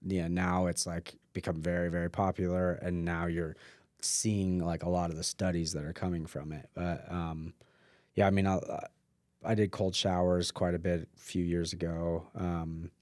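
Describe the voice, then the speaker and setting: A man talking casually as a podcast guest, rambling with many fillers and often trailing off quietly. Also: deep voice, little pitch movement, normal speed, dry recording, clean studio sound. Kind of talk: casual conversation. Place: mountain home.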